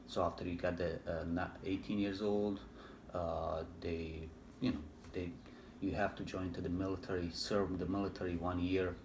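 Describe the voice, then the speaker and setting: In an echoey room with a faint hum of background noise, a middle-aged Bosnian veteran with a low voice is interviewed about his past. English isn't his native language, and his Bosnian-accented recollection comes out hesitantly, with many fillers and restarts.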